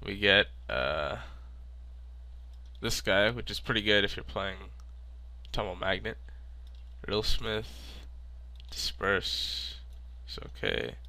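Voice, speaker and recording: A man's voice: lowish voice, takes it slowly, long pauses, pushed and bright, dry recording. A man with a sick, stuffy, nasal voice, thinking aloud in casual card-game commentary. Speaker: video maker.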